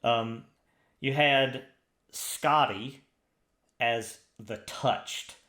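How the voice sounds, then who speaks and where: Man, podcast co-host, casual chat, eager and rambling, mid pitch, roomy echo. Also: extremely slow, pushed and bright. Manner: enthusiastic, rambling with restarts.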